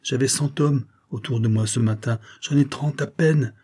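Imagine a man reading aloud as a defeated young nobleman, grave and resigned, speaking earnestly despite his sorrow. The voice stays dark and slightly husky. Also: medium pitch, moderate pace, voice pushed up, close to an everyday voice. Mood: las.

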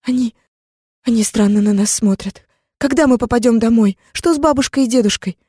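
A woman's voice: on the high side, brisk, mellow, slightly rough, dry recording, clean studio sound, pitched above the performer's own voice. A woman voicing frightened little sisters who plead tearfully in an audiobook. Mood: scared. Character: frightened little sisters, young girls crying.

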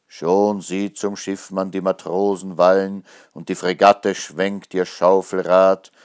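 Theatrical man reciting a ballad slowly. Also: lowish voice, a little mellow, smooth. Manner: theatrical, swelling and falling with the verse. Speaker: poetry reader. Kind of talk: dramatic poetry recitation.

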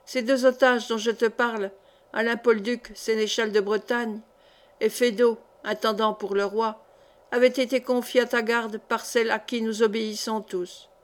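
A woman's voice: on the high side, flat delivery, normal speed, natural voice. A woman reading aloud and voicing a stern male peasant leader who reproaches a follower.

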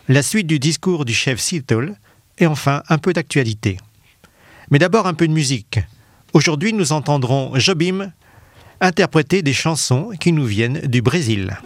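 A man's voice: on the high side, no room sound. A man hosting a radio language course, announcing segments and asking his guests questions. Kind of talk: scripted radio presenting.

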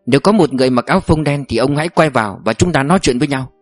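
A man's voice: medium pitch, racing, no echo, soft background music, lightly acted. A man reading an audiobook voices a crafty older security chief who talks bluntly and bossily. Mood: scheming. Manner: blunt, bossy. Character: sly older male security chief, scheming.

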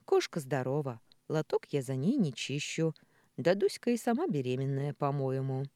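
A weary pregnant woman, as an audiobook reader puts her on, wry and matter-of-fact. Her tone is mellow and dark, with lively pitch. The sound is dry and close. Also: normal speed, no room sound, close to an everyday voice.

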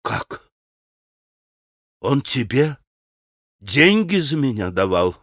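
Storybook role: furious proud young woman, read by a man, raised shrill voice. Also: animated, measured pace, a bit bright, no room sound, studio quality. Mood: scornful hysterical.

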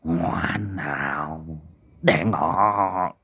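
A man voicing a lecherous, greedy old male sorcerer in a low, gloating murmur with chuckles and whispers. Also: extremely slow, sharp tone, husky, full character voice.

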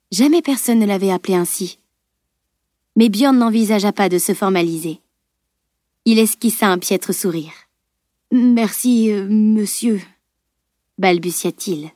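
A woman reading a fantasy novel aloud as an audiobook narrator, steady and expressive. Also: mid-range voice, dry recording, clean studio sound.

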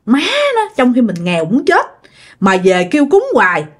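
A woman's voice: a little high, sing-song, moderate pace. A woman with a Southern Vietnamese accent telling a ghost story in a chatty way, talking directly to her listeners.

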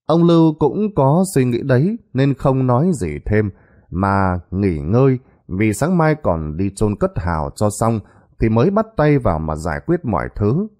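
A man's voice: medium pitch, very animated, measured pace, mellow. A man telling a horror story in a dramatic way that builds suspense.

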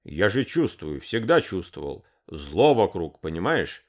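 Guy doing a shy earnest young man, low and fumbling, voice goes up and down a lot. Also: very animated, measured pace, darkish tone, heavily acted. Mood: awkward, earnest. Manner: hesitant and earnest. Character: gangly, awkward young man, earnest and smitten.

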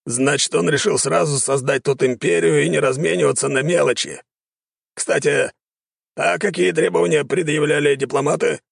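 A man voicing an excitable, scheming male gnome king in an audiobook, exclaiming theatrically. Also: a little high, normal speed, creaky, slightly rough, dry recording, studio quality, voice pushed up, heavily acted. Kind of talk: audiobook character voice.

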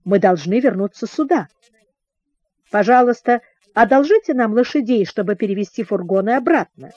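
A woman's voice: medium pitch, expressive, moderate pace, a little mellow, no echo, highs cut off, lightly acted. A woman voicing a serious teenage boy in a storybook reading, speaking patiently and firmly. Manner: patient, firm.

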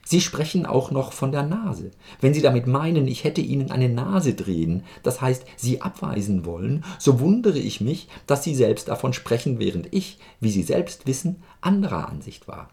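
A man's voice: medium pitch, big pitch swings, normal speed, vocal fry, hardly any pauses, darkish tone, voice pushed up. A man voicing a prim, indignant older lady reading out her own letter in an affected, raised voice.

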